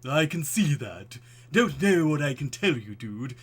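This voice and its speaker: A man voicing a bored, hostile young female store cashier in a flat, dismissive drawl. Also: fairly high pitch, measured pace, slightly rough, pitched above the performer's own voice, exaggerated voice.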